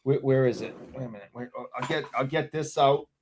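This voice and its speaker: A man with a Boston accent chats casually among friends on a hobby show. He stumbles and circles back over his own phrases, with a medium-pitched voice and a joking, informal delivery. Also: fairly quick, darkish tone, slight background noise. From Boston, United States. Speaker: hobby talk show panelist. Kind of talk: casual joking group chat.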